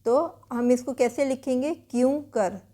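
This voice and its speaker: A patient woman teaches spelling, working through the rules one word at a time. Her voice is mellow and sits a little high. She keeps to a steady, explanatory manner. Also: measured pace.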